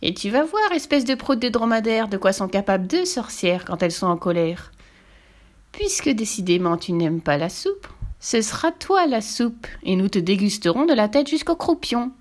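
A woman's voice: mid-range voice, sing-song, moderate pace, natural voice. A woman voicing a spiteful, bickering witch who hurls silly rhyming insults in a storybook reading. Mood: mocking, spiteful. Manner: spits silly insults in rhymes.

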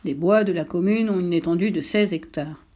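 A woman narrating a children's storybook in a steady, clear reading voice. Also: lowish voice, normal speed.

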